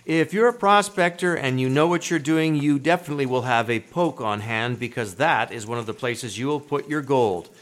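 A man hosting a scripted quiz, speaking deliberately and setting out words clearly. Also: medium pitch, a little hiss or hum. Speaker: quiz show host.

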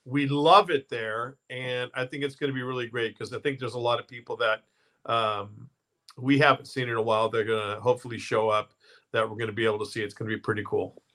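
A man's voice: medium pitch, fairly even intonation, fairly quick, sharp tone. A man hosting a casual podcast live stream, chatty, with many fillers and self-corrections. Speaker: podcast host.

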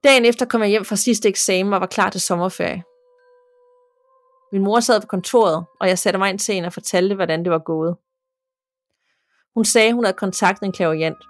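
A woman narrates a listener's spooky story for a podcast, steady and measured. Her voice sits at a middle pitch, recorded close and dry, with faint music beneath. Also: dry recording. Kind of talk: scripted narration of a ghost story.

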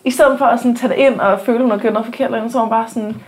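A woman's voice: fairly high pitch, fairly even intonation, darkish tone. A woman hosting a podcast, talking candidly and with plenty of animation, swearing freely and acting out what people said. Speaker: podcast host. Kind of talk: casual conversation. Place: podcast studio.

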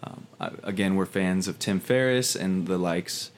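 A man co-hosting a podcast who also teaches meditation, talking in a relaxed, halting way. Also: low voice, slight background noise. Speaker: podcast co-host and meditation instructor. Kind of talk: casual podcast chat.

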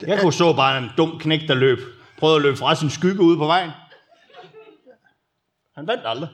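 A man guesting on a live comedy show, chiming in with dry, dark improvised jokes. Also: on the high side. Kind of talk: improvised comic interview. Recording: faint background noise at live venue.

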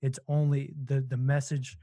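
Flat-toned man hosting a sports chat. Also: mid-range voice, normal speed, dry recording. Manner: asks long, rambling questions. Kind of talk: casual sports talk.

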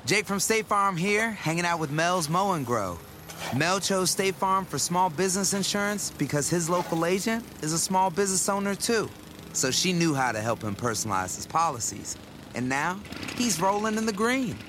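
A man's voice: high-pitched, lively intonation, normal speed, background noise. A man playing a friendly, easygoing insurance spokesman in a scripted advertisement. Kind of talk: scripted ad read.

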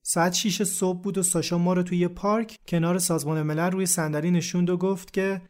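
A man narrating a true story in the first person as a podcast narrator, in a calm, measured and reflective scripted delivery. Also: high voice.

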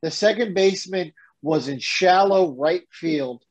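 He has a high voice and an unhurried delivery. As co-host of an informal sports podcast, he goes on energetic rants sprinkled with the odd curse.

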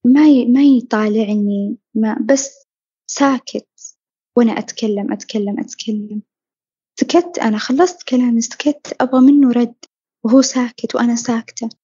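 A woman earnestly telling her own story, reflective and at times dropping to a soft near-whisper. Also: on the high side, moderate pace, slightly rough, no echo, muffled recording. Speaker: podcast guest sharing her story. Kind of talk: personal storytelling.

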